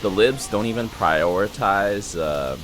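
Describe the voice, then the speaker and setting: A man with a stuffy nose giving casual, rambling gameplay commentary, chatting with his viewers and breaking into surprised excitement. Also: on the low side, measured pace. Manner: laid-back, rambling, chatty with viewers as "boys". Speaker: gaming YouTuber. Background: game music and sound effects.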